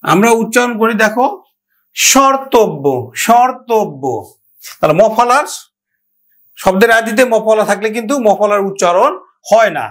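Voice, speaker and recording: A man teaching a pronunciation lesson, talking directly to students and repeating example words slowly. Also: high-pitched. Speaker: Bengali language teacher. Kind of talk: classroom-style grammar lesson.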